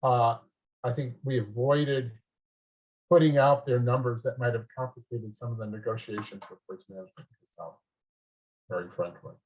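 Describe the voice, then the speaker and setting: A man joins a committee meeting by video call, and his stream sounds garbled and muffled. His voice sits at an ordinary middle pitch and seems to drift away from the mic at times. He speaks hesitantly, with many pauses and restarts. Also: fairly even intonation, darkish tone. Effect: garbled, muffled video-call audio. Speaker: finance committee member. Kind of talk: remote business meeting discussion.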